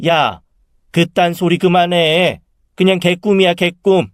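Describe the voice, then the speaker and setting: A man voicing a sharp-tongued middle-aged mother who scolds loudly and brags about her daughter. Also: animated, unhurried, no echo, studio quality. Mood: scolding. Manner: loud, scolding and shrill.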